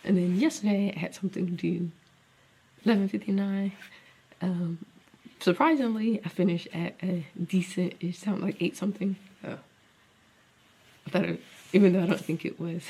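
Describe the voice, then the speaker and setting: Speaking to camera in a relaxed vlog, this young special education teacher with a Southern US accent sounds stuffed up from a cold. She thinks aloud in a rambling way with long pauses, her husky, darkish voice sitting on the low side at a moderate pace and at times sinking almost to a whisper.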